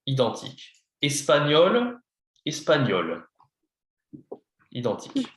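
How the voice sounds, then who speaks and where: A man's voice: a little high, huge pitch swings, slow pace, roomy sound. A man teaching a beginner French lesson, patient, spelling words out letter by letter and slipping into English to explain. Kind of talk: one-on-one beginner lesson, slow and repetitive.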